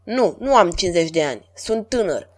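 Brief: a woman doing a proud middle-aged king of a storybook court, loud and declamatory, full of self-regard. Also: big pitch swings. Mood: rapturous. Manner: grand, declamatory, louder and higher than her narration. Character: lovestruck middle-aged French king, vain and commanding.

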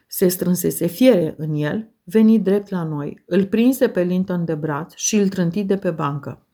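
A woman narrates an audiobook in first person with a mellow, warm tone. Her voice sits a little low and her delivery is measured and expressive.

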